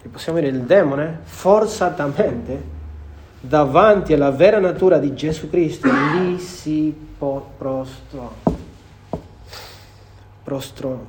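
A man's voice: fairly high pitch, takes it slowly, noisy background. A man preaching a sermon to a congregation in an earnest manner, often repeating phrases for emphasis.

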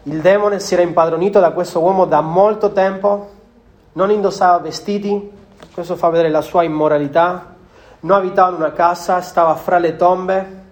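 A man's voice: high-pitched, steady tone, moderate pace, a little mellow. A man preaching a sermon to a congregation in an earnest manner, often repeating phrases for emphasis.

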